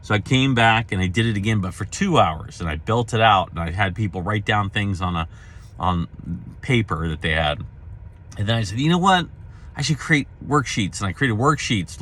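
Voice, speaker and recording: A middle-aged man speaking as a career trainer, telling a personal story casually and acting out the dialogue in it. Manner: animated storyteller, acts out quoted dialogue with pitch jumps.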